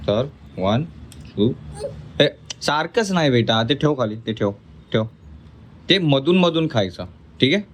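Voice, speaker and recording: A man's voice: mid-range voice, animated, unhurried, pauses often. A man vlogging about his family, talking to viewers while firmly coaxing and teaching his small child at mealtime. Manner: coaxing and firm, teaching a toddler.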